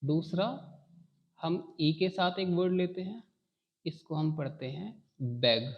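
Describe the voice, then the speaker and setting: A man's voice: high voice, measured pace, highs cut off. A man teaching a beginner phonics lesson, repeating key phrases and checking in often with his students.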